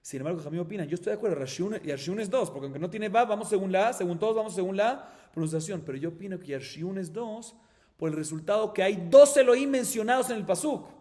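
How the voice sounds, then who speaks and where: Colombian Spanish male rabbi, higher voice, explains step by step with rhetorical questions; reverberant hall sound. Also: animated, fast, a little mellow. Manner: explains step by step, asks and answers his own questions. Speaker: rabbi teaching Talmud. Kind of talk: Talmud class.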